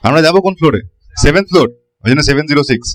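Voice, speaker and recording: A man's voice: a little high, lively intonation, rapid-fire, poor audio. A man doing casual, exclamatory vlog chat full of questions, speaking from inside a motorcycle helmet. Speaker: motovlogger. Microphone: helmet-mounted camera, worn inside a helmet.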